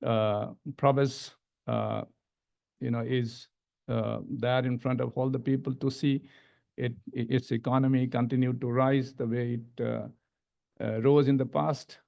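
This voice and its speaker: A middle-aged man with an Indian accent giving a panel presentation as an academic, halting and repeating words as he stresses each new point. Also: mid-range voice, level tone, creaky, warm tone. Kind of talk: panel presentation, semi-scripted lecture. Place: medium-sized indoor conference room. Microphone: gooseneck table microphone.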